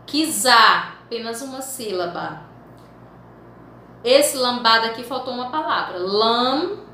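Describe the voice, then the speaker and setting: A woman teaching a school language lesson, slowly stretching out and repeating example words so pupils can follow. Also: fairly high pitch, animated, a bit bright, a little hiss or hum. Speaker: Portuguese teacher. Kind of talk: recorded remote school lesson. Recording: echoey room.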